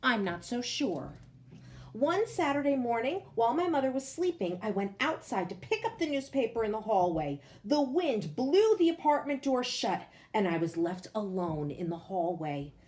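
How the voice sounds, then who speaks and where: A woman with a slightly high voice reads a children's picture book aloud, storytelling expressively and deliberately with emphatic phrasing aimed at young listeners.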